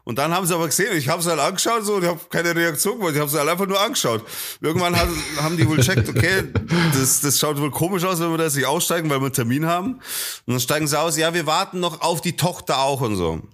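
A man's voice: on the high side, quick pace. A man hosting a podcast, telling a story in a casual, slangy way and acting out the people he quotes. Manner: animated, acts out the people he quotes; slangy, peppered with "Alter". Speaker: podcast host.

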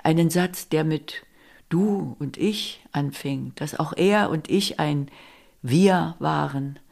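A woman reads a novel excerpt in measured, intimate first-person narration. She takes her time over each phrase, and her voice carries a gravelly fry. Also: low-pitched. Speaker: reader. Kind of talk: literary reading of a novel excerpt.

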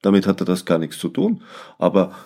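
A man with a very low, deep voice talks reflectively on a podcast. He repeats words as he works out his thoughts. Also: big pitch swings, brisk, warm tone. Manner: reflective, repeats words while searching for phrasing. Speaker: podcast co-host. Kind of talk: conversational podcast discussion.

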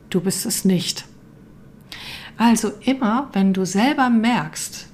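Calm woman explaining in a coaching talk. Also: mid-range voice, a little hiss or hum. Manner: calm, earnest explaining with fillers, addressing listeners directly.

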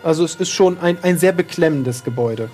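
A man's voice: a little high, fairly quick, darkish tone, faint music behind. A man narrating a tabletop game as game master, hesitant, with fillers.

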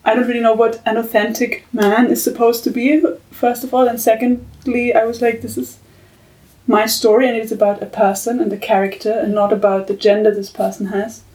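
Candid woman, slightly higher voice. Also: level tone, brisk, a little mellow, distant mic, low-quality recording. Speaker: podcast co-host. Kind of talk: casual round-table chat.

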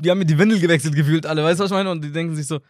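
Fast-talking young man telling stories. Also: on the high side, no room sound, studio quality. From Germany. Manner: animated anecdotes, acts out quotes, laughs often. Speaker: content creator and singer, guest. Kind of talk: casual conversational storytelling.

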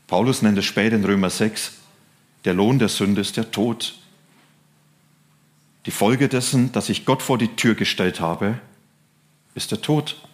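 A man preaching a sermon. He reads scripture passages aloud and stresses key phrases by raising his pitch and slowing down.

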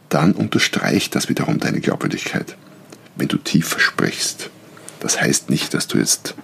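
A man hosting an instructional podcast, explaining persuasion and switching between higher, faster talk and lower, slower talk to demonstrate. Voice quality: very deep, gravelly voice. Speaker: podcast host and business coach.

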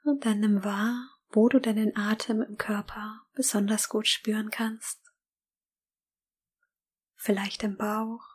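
A woman whispering a slow, calm guided meditation. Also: mid-range voice, slightly rough.

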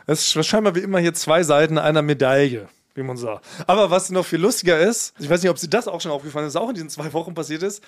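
High-voiced man telling jokey anecdotes. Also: quick pace, few pauses. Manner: theatrical, mock-indignant, laughs while telling. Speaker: podcast co-host. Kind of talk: casual comedic chat.

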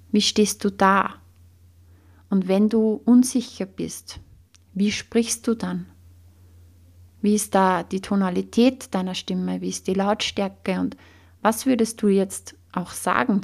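Woman coach, slow guided exercise, gravelly tone. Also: mid-range voice. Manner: slow, calm guiding questions.

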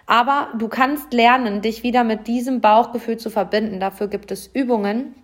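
A woman's voice: a little high, moderate pace. A woman hosting a solo motivational podcast, talking earnestly and directly to the listener with a bubbly, encouraging manner. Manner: lively and bubbly, by her own words. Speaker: podcast host.

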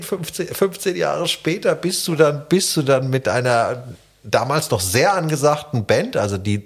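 A man's voice: mid-range voice, husky. A man from Germany, a guest musician telling stories in a casual interview. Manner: animated storytelling.

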